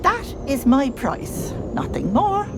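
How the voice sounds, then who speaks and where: A woman's voice: high-pitched, wildly swooping pitch, slow, background noise, heavily acted. A woman voicing a bossy, sly old auntie hag in a video game, folksy and cajoling, with menace under the sweetness. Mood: wheedling, sly.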